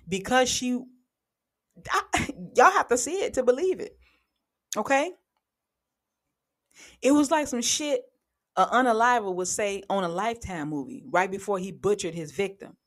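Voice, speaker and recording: A woman giving blunt, sarcastic, heavily profane commentary on reality TV gossip, speaking with sudden animated outbursts. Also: lowish voice. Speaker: commentary vlogger.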